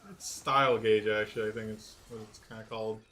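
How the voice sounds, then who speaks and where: A man's voice: lowish voice, steady tone, brisk, sharp tone. A man co-commentating live on a video game match in a casual, reactive way with lots of interjections. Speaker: esports co-commentator.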